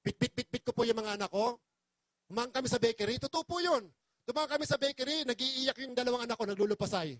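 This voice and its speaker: A man's voice: very high-pitched, expressive, quick pace, a bit bright, no room sound. A man from the Philippines giving an impassioned, pleading testimonial to an audience as a business presenter, very polite and emotional.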